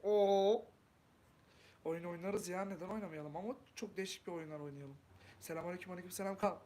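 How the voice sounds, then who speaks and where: A man from Turkey hosting a casual live stream, chatting with viewers, greeting them warmly and reading comments while he cooks. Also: high voice, brisk. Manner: talks while cooking.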